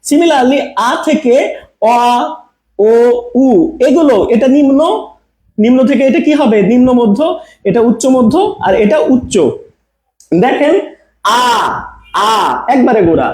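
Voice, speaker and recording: A man's voice: extremely high pitch, dark tone, echoey room. A man teaching a video lesson, demonstrating sounds aloud and asking and answering his own questions.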